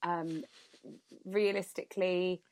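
Relaxed woman guest, lowish voice. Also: takes it slowly. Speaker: interview guest. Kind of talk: casual interview chat.

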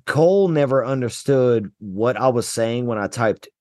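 Tipsy Cajun man hosting, lively voice. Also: medium pitch, a little slow, no room sound, clean studio sound. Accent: Cajun Louisiana. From Louisiana, USA. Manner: loud, profane, laughing storyteller. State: drunk on whiskey. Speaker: podcast host. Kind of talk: casual podcast chat.

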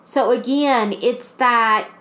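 A woman co-hosting a podcast, telling a creepy story in casual chat with drawn-out, restarting phrases. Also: fairly high pitch, fairly even intonation, a bit bright. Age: adult mother. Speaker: podcast co-host.

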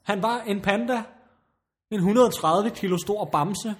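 A man's voice: sits high, lightly acted. A man playing a flustered, exasperated bar worker who rambles, stammers and repeats himself in a comic drama. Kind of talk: comic role-play drama.

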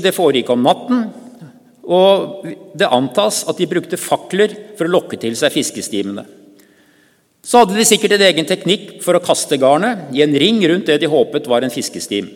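A man with a fairly high voice delivers a sermon, retelling a story calmly and at an even pace. His speech comes with small restarts. The long church reverb hangs after each phrase. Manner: calm, measured storytelling with pauses and small restarts. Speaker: preacher.

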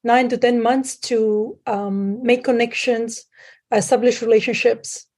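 A woman from Sicily, a guest on a call, talking through her past with many pauses and fillers. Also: a little high, steady tone, a little mellow, husky. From Sicily, Italy. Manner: hesitant, many fillers, restarts. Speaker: guest, private lender. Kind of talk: conversational interview. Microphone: remote call.

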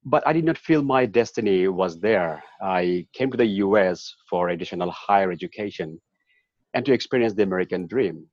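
A man from Bangladesh introducing himself on a panel in a measured, deliberate way. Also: sits low, lively intonation, no room sound. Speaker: panelist, activist. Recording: dull lo-fi sound.

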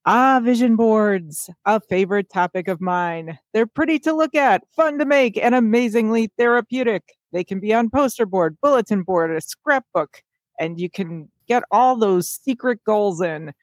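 A woman co-hosting a podcast in casual chat, chatty and quick to giggle. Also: medium pitch, lively intonation, no echo, studio quality. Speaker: podcast co-host.

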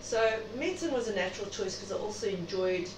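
Appearing as a guest in an interview, this middle-aged South African woman talks in a reflective, chatty, animated way, her medium-pitched voice moving fairly quickly. The room is noisy and echoey, and the mic sits far away.

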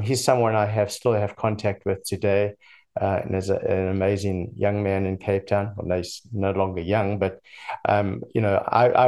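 Hesitantly and thoughtfully, a guest in his sixties shares his life story in an interview. He has a darkish, fairly low voice and a slightly mixed South African accent.

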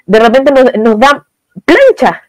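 Chilean woman, young, high pitched, talks fast through examples, quotes people a lot, dry room. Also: no room sound. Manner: lively, uses voiced quotes and examples. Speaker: guest expert on positive communication. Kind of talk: conversational interview answers.

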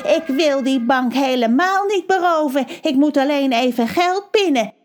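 Storybook role: woman voicing a timid young daughter, higher than her own voice, careful and hesitant. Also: expressive, measured pace. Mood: nervous. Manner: hesitant, cautious.

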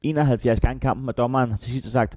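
A man in casual podcast chat, reasoning through football questions in a measured way. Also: mid-range voice, fairly even intonation, dark tone, dry recording, clean studio sound. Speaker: podcast co-host.

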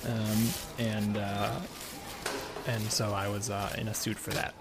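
A man's voice: fairly low pitch, flat delivery, measured pace, over loud music. A man playing a rambling would-be children's actor. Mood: flustered. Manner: rambling, hesitant, over-explaining. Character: awkward adult male aspiring children's actor, rambling, defensive. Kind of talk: improvised comedy scene.

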